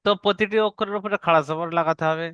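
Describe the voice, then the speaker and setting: A man's voice: sits high, steady tone, rapid-fire, fairly bright tone, dry recording, highs cut off. A man teaching Arabic letter reading in a recorded online lesson, patiently drilling the rules, asking learners to repeat after him, and stretching out letter sounds as he recites.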